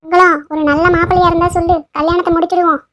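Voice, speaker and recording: A woman voicing a scheming, sharp-tongued elderly mother-in-law in a cartoon, scolding and nagging. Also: extremely high pitch, little pitch movement, racing, slight background noise. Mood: bossy.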